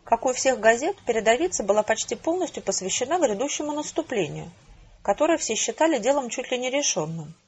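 A woman narrating a first-person audiobook in a measured, dry, even storytelling manner. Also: fairly high pitch, breathy edge, dull audio.

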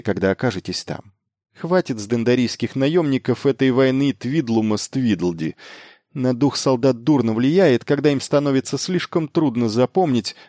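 A man reading an audiobook voices a young male mercenary lord who talks briskly, commanding and ironic. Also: mid-range voice, darkish tone, no echo, clean studio sound, lightly acted. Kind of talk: audiobook character voice.

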